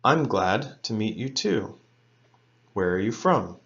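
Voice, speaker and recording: A man teaching an English grammar lesson to students, reading example sentences slowly and carefully. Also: fairly low pitch, very animated, gravelly, a bit bright, highs cut off. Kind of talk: recorded lecture for students.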